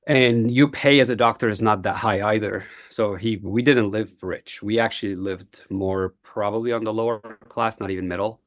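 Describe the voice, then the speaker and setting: A man's voice: on the low side, steady tone, moderate pace, few pauses, no echo, studio quality. A man from Egypt, a guest in a podcast interview, speaking earnestly and reflectively with frequent "uh" fillers. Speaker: guest, entrepreneur.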